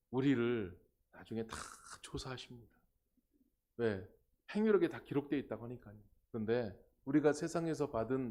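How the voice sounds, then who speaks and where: A male pastor preaching a Sunday sermon in a church, telling stories with lively, emphatic delivery. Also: medium pitch. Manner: animated storytelling, emphatic exclamations. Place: church sanctuary.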